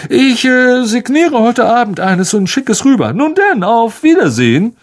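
A man voicing a vain, pompous teacher who talks loudly and full of himself. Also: extremely high pitch, big pitch swings, measured pace, pitched above the performer's own voice, full character voice. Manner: pompous, loud and self-satisfied.

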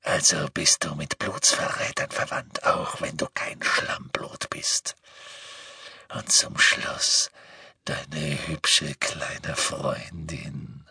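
A predatory male werewolf, brought to life in a gravelly, rasping growl, very deep and drawn out with crawling slowness. The voice is hard-edged and breathy, half-whispered and gloating. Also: fairly even intonation, sharp tone, dry recording, studio quality, exaggerated voice. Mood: menacing. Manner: slow, menacing, relishing cruelty. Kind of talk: audiobook character voice.

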